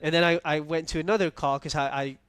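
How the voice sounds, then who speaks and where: A young man from Malaysia, hosting a podcast, telling a story in a relaxed way and asking "right?" often. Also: fairly high pitch, quick pace, clear, resonant tone, dry recording. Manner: storytelling, laid-back, peppered with "like" and "right?". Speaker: podcast host. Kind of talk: casual podcast chat.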